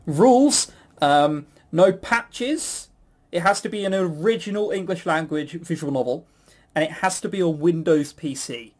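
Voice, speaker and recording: A man with a slightly high, slightly mellow voice co-hosts a podcast and runs its quiz. His banter is loose and rambling, full of jokes, self-mockery, and casual swearing.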